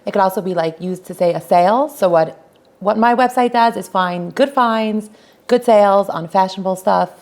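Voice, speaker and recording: An American woman in her thirties, a business founder telling her story in a casual interview, chatty and animated. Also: medium pitch, normal speed. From United States.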